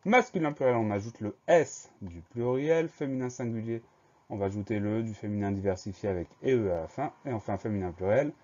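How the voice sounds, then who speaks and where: A male teacher giving a spelling lesson, spelling words out letter by letter in a slow, patient way. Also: lowish voice, a little mellow. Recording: dull lo-fi voice recording.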